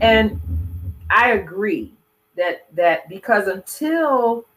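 Calm, measured conversational voice. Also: mid-range voice, poor audio. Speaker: host. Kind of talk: casual conversation.

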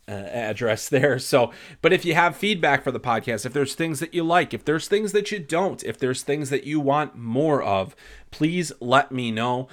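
Male podcast host, mid-pitched, nasally stuffed up from a cold, chatty and loose. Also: fairly bright tone. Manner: chatty, rambling with fillers. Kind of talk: solo podcast monologue.

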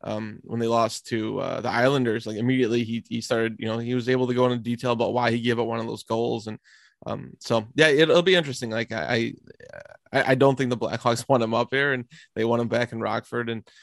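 A man co-hosting a casual hockey podcast, talking in halting runs with many restarts. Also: mid-range voice, fairly even intonation, gravelly, no echo. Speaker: hockey reporter and podcast co-host. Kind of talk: casual sports chat.

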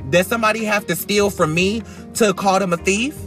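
A man giving sassy, emphatic, opinionated casual commentary as a podcast host, talking loudly as if to be heard over rain. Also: sits high, brisk. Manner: emphatic, sassy, swearing freely. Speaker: podcast host reviewing reality TV. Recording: iPhone recording with background music. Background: rain and music.

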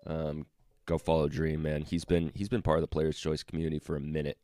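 Podcast host, man, low froggy hoarse voice, close dry sound, casual chat. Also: level tone, brisk, dark tone, no room sound.

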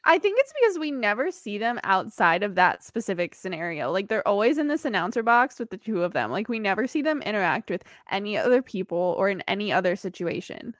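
A woman's voice: mid-range voice, big pitch swings, a little fast, hardly any pauses, dry recording, clean studio sound. A woman co-hosting a podcast in casual chat, giggly and playful. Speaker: podcast co-host.

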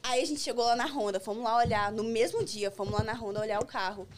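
A young woman with a Brazilian Portuguese accent tells a story in a high, bright-toned voice. She talks fast and with energy, slipping into the voices of the people in her story. The conversation is a relaxed podcast chat. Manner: animated storyteller, acts out other people's lines. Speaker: podcast guest. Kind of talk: casual chat, telling an anecdote.

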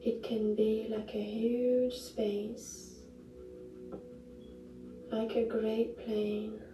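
Very mellow, soothing female sleep-story meditation narrator. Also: fairly high pitch, level tone. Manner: hushed, gentle, unhurried delivery with long pauses. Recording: roomy echo, distant mic, music behind. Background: music.

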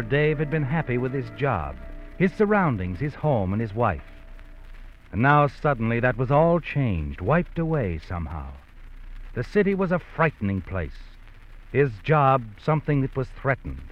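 An actor playing an ominous, all-knowing male narrator of dark tales in a theatrical, insinuating 1940s radio style. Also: medium pitch, big pitch swings, normal speed, natural voice. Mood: wistful. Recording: muffled vintage radio recording, music behind.

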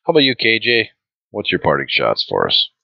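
A man hosting a casual gaming podcast, relaxed, passing the turn to each co-host. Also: lowish voice, a little fast, creaky, no echo, muffled recording. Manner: relaxed, hands the mic around.

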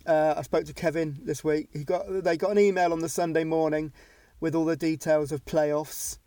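A man's voice: on the high side, flat delivery, normal speed, dark tone, dry recording. A man co-hosting a football podcast in casual chat, talking with frequent restarts and laughs. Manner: chatty, stumbling restarts, laughs often. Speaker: podcast co-host. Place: car park.

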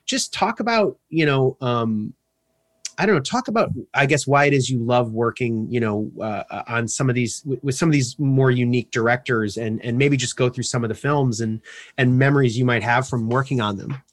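A man's voice: medium pitch, normal speed, no echo. A man hosting an interview in a casual, enthusiastic way, often stumbling and restarting his sentences. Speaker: podcast host interviewer.

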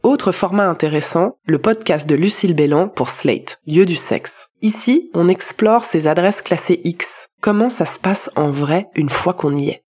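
A woman's voice: fairly low pitch, a little mellow, husky. A woman hosting a podcast review, delivering scripted narration with personal commentary.

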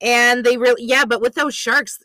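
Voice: mid-range voice, fairly even intonation, normal speed, pushed and bright, no room sound. An adult podcast co-host in casual chat, teasing and making crude jokes.

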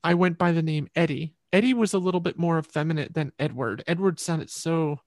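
A woman guest telling an animated personal story in an interview over a video call, acting out the voices of people in it. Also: deep voice, brisk, no room sound. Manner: expressive, acts out quoted voices.

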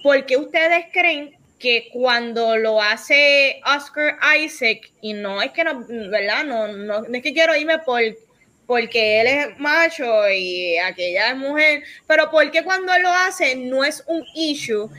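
A woman's voice: high voice, takes it slowly, bright, forceful tone. A woman hosting a casual podcast chat, talking animatedly and mixing English words into her Spanish. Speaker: podcast host.

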